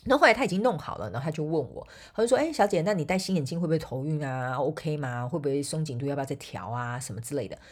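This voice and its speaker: A woman's voice: deep voice, lively intonation, racing, few pauses, husky. A woman from Taiwan with a Taiwanese Mandarin accent, hosting a solo podcast and telling a story in a chatty way, laughing often and groping for words. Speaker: podcast host and motivational speaker.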